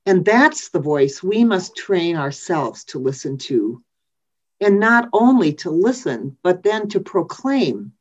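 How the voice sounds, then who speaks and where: Slow, low-voiced woman preaching a sermon. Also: big pitch swings. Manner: measured, reflective, with thoughtful pauses. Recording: dull lo-fi recording.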